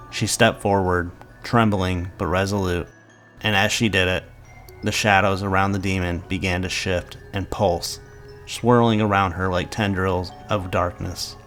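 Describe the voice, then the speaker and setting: A man reading a scripted horror story aloud in a dramatic, measured storytelling delivery. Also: low-pitched, a bit bright.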